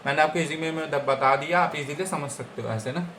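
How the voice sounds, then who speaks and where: A man's voice: a little high, a little fast, sharp tone, slight background noise. A young man from India teaching a vocabulary lesson in a casual tutorial style, repeating each word and often checking in with his viewers. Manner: repeats words and keeps checking understanding with "okay guys?". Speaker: Japanese language teacher.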